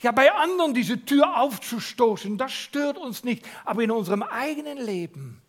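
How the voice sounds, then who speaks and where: A man preaching a Christmas sermon, asking rhetorical questions and swinging from near-whispers to loud, emphatic lines. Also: very high voice, expressive, moderate pace.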